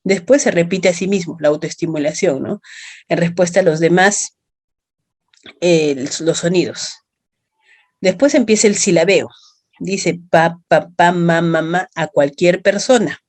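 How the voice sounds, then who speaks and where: A woman's voice: lowish voice, a little slow, pauses often, a little mellow, slightly rough. A woman with a Peruvian accent giving a lecture to students, explaining step by step and checking in with short tag questions. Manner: explanatory, checks understanding with tags. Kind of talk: online class lecture.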